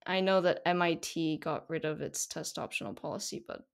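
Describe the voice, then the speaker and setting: With a low-pitched, steady voice, some vocal fry, and normal speed, a Korean teenager hosts her own casual podcast monologue. She's chatty and uses many fillers, and Korean is her native language.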